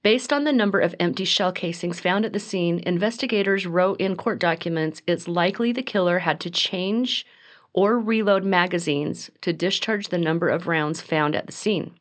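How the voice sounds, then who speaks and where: A woman with a somewhat low voice narrates a true crime case for her podcast. She reads steadily from prepared notes, now and then stumbling and restarting a phrase. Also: normal speed.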